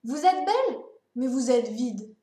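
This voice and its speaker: A woman voicing the little prince, a gentle, curious boy who asks earnest questions. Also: fairly high pitch, sing-song, unhurried, roomy sound, voice pushed up.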